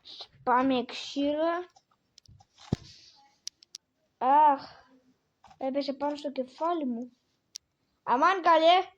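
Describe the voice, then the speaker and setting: Woman narrating her game out loud, high voice, kinda muffled recording. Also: long pauses. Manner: talks to herself and the game, exclaiming often. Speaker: gamer. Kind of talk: casual gameplay commentary.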